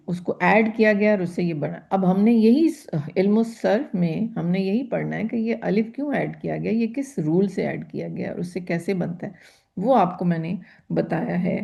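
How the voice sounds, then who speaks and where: A woman's voice: fairly low pitch, creaky, dark tone, muffled recording. A woman teaching a grammar class, patiently repeating terms and asking her students rhetorical questions. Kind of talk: grammar lecture.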